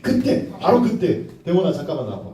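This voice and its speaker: A man's voice: a little high, a little fast, distant mic. Playful man telling a children's sermon. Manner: playful, animated, directs children on stage, laughs often. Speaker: Sunday school teacher. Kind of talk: children's sermon with acted story. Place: church room with children. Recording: echoey room, mic from afar, children behind.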